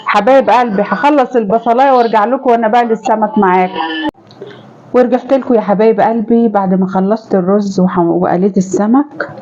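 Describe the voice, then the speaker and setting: A mother with an Egyptian Arabic accent films a cooking vlog in her home kitchen, chatting affectionately with viewers and often turning to them fondly. Her mellow, dark voice is medium in pitch and steady, and she talks fast. The recording sounds dull and lo-fi.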